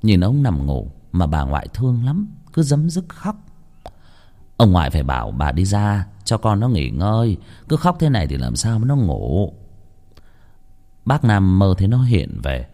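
A man narrating a ghost story in a measured, dramatic storytelling manner. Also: on the low side, mellow. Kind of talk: scripted horror narration.

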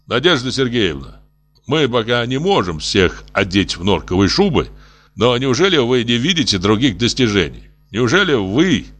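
A man's voice: mid-range voice, sing-song, moderate pace, fairly bright tone, pitched above the performer's own voice. A man voicing a stern official who argues and lectures in a level voice. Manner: stern, argumentative. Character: stern, sober-minded male official.

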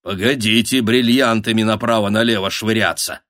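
A man voicing an imperious, gruff landowner who barks orders. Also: on the low side, fairly even intonation, normal speed, a bit bright, no room sound, studio quality, lightly acted. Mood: commanding. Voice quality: gruff, barking. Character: imperious middle-aged landowner, gruff and barking. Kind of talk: audiobook character voice.

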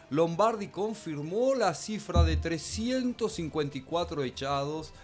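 Man as fawning, pompous Argentine pundit, rambling delivery, faint music bed; radio sketch. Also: on the high side. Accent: Argentine Spanish. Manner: rambling and pompous, full of filler tags. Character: fawning male pro-government commentator, pompous and rambling. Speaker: radio comedian. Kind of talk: improvised satirical radio sketch.

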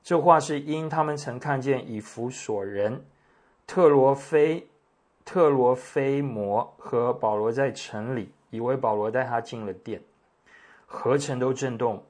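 A man preaching a sermon, reading scripture in a measured, deliberate way with pauses. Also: medium pitch, a little mellow. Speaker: pastor. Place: church meeting room.

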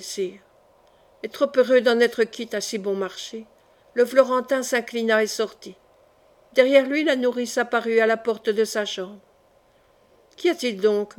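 Woman reading a classic novel aloud. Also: fairly high pitch. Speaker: audiobook reader. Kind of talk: scripted narration of a classic novel.

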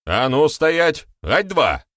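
A man's voice: lowish voice, very animated, moderate pace, dry recording, clean studio sound. A man voicing a stern, scolding village smith in an audiobook, lecturing in a mock-solemn way. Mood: barking. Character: gruff commanding male village smith. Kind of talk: audiobook character voice.

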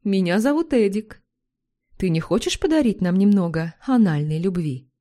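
A woman doing a coaxing, smooth-talking man. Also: mid-range voice, expressive, moderate pace, warm tone, lightly acted. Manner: coaxing, wheedling.

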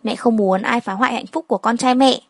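A gentle older mother-in-law, read by a woman narrator in a storybook, coaxing and confiding in a fairly high voice. The sound is dry and close. She talks calmly, as if sharing a secret. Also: brisk, vocal fry, no echo.

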